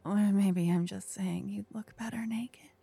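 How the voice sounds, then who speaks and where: A woman's voice: medium pitch, fairly even intonation, a little slow, creaky, mellow, breathy edge, dry recording, exaggerated voice. A woman voicing a teasing, possessive ghostly forest spirit in a whispered ASMR roleplay. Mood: admiring.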